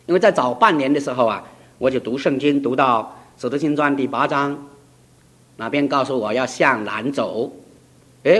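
Middle-aged guy preaching, high voice that jumps all over, gets urgent and emphatic. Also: a bit bright. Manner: emphatic storytelling preacher, rising to urgent peaks. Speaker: pastor. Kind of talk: sermon.

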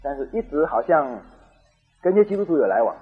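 A man preaching a sermon, telling a story in an animated way and acting out the dialogue. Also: a little high, quick pace, husky, phone-quality sound. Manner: animated, acts out dialogue, laughs at own story.

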